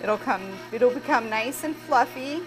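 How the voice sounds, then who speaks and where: A woman's voice: a little high, unhurried, music in the background. A middle-aged woman hosting a home cooking show with her family, chatting, explaining steps and laughing often. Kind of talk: casual cooking demo with family.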